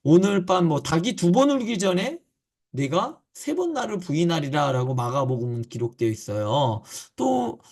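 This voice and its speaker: A male pastor giving a Bible teaching to church leaders, often asking questions and then answering them himself, with frequent pauses and fillers. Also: on the high side, sing-song, a little mellow.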